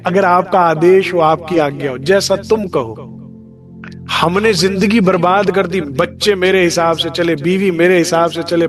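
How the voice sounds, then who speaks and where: A man delivering a spiritual sermon in a slightly high voice, with music playing beneath him throughout. He sings out lines of verse slowly and then explains them in plain talk. He keeps asking his listeners questions and answering them himself. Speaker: spiritual speaker. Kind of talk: devotional discourse. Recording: background music under the voice.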